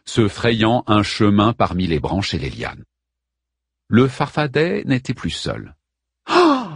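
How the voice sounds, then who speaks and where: A man narrating an audiobook in an expressive, measured reading voice. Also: on the low side, slightly rough, no room sound, studio quality. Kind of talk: scripted narration.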